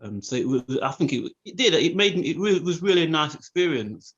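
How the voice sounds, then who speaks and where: A man's voice: on the high side, sing-song, brisk, a bit bright. Hesitant man, dull lo-fi recording. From England. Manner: hesitant, repeats words as he thinks. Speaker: photographer and video artist. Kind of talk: reflective interview.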